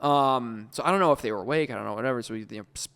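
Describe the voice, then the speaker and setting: A man of middle pitch tells a story in loose, rambling podcast chat, swearing freely and laughing along. His voice carries a long reverb tail, as if recorded in a hard, echoing room. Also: very fast, a bit bright, clean tone. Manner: rambling, profane, laughs through his stories. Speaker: podcast co-host.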